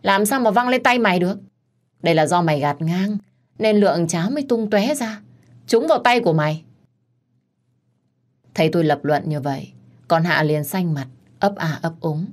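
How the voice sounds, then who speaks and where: A woman narrating a dramatic first-person story in an indignant, expressive way. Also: on the low side, normal speed, pauses often.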